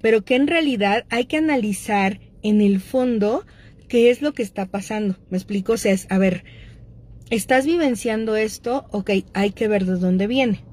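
A woman's voice: mid-range voice, normal speed, a little mellow. A middle-aged woman with a Mexican accent, hosting and speaking casually and directly to her audience about addictions, with frequent fillers. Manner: conversational, addresses listeners directly, frequent fillers.

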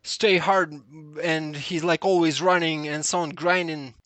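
A man from southern Russia with a Russian accent, talking casually and earnestly as an interview guest in emphatic, slightly halting non-native English. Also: fairly high pitch, fairly even intonation, a bit bright, no room sound. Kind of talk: casual conversation.

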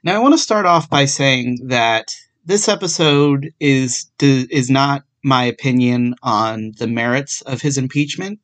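A man's voice: mid-range voice, a little slow, few pauses, fairly bright tone. Chatty young man hosting a podcast. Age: young adult. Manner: chatty and self-deprecating, with frequent ums and dry sarcasm. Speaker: podcast host. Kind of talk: casual solo podcast commentary.

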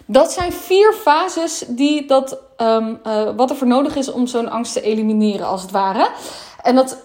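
Woman coach, slightly high voice, frank casual monologue, drops English slang. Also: darkish tone.

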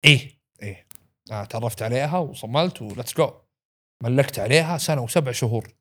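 A man, a podcast guest who tells animated stories, acts out quotes and laughs often. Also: mid-range voice, fast talker, husky. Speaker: podcast guest, actor and writer. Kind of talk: casual storytelling chat.

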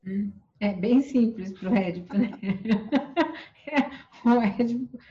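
Wry woman co-host, casual chat, slightly high, muffled lo-fi sound. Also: drawn-out words, warm tone. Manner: wry, joking asides. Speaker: podcast co-host.

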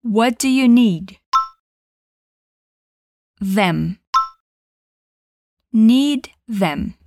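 A woman teaching an English lesson, giving encouraging prompts and modelling phrases slowly for the listener to repeat. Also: a little high, expressive, warm tone, dry recording, clean studio sound.

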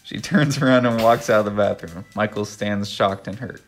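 A man with a lowish voice reads stage directions aloud as a podcast host. He keeps breaking into laughter, then slides into casual chat. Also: normal speed, faint music behind.

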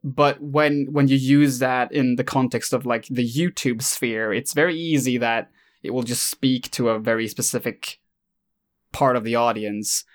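A man talks through ideas in a relaxed conversation, his voice sitting at an ordinary pitch. He pauses and restarts often as he thinks aloud. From Sweden. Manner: hesitant, self-correcting, thoughtful. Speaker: YouTube creator and host. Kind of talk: casual conversation.

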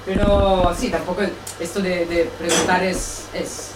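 Young woman, group sharer, halting and searching, lowish voice, recorded far off in a roomy space with background noise. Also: fairly even intonation. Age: young adult. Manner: hesitant, searching, many restarts. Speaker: group participant. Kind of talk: group sharing circle talk.

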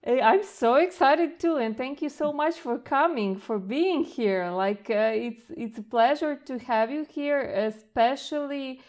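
A woman from Croatia hosts an interview at a slow, unhurried pace. Her voice sits a little high, and she talks in a gushing, hesitant way, full of fillers and restarts. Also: a little mellow. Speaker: host.

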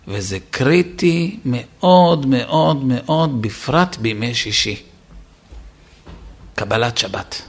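A man's voice: medium pitch, fairly bright tone. A man, a rabbi, giving an emphatic Torah lesson, repeating his words for stress and addressing his listeners directly. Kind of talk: sermon.

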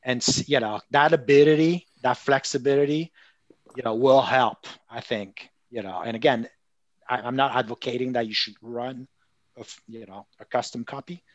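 A man's voice: mid-range voice, moderate pace, dry recording, muffled recording. A man from France, a guest explaining tech ideas in a hesitant way full of "you know". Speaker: guest speaker. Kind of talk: casual tech interview chat.

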